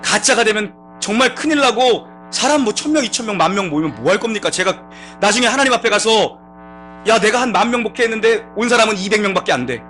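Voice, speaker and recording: A man preaching as pastor in a church, moving from chatty storytelling to loud, fervent exhortation. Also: high-pitched, animated, fast talker, faint music behind. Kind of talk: sermon with humorous anecdote. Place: church sanctuary.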